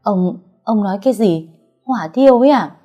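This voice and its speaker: A woman's voice: medium pitch, moderate pace, warm tone, faint music behind, close to an everyday voice. A woman reading a frightened pleading mother. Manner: pleading, tearful. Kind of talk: audiobook character reading.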